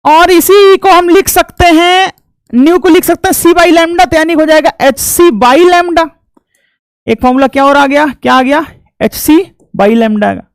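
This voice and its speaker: An unhurried man with a very high-pitched voice lectures on physics in a dry recording. He keeps things homely and folksy with sound effects, repeatedly asking a point as a question and then answering it.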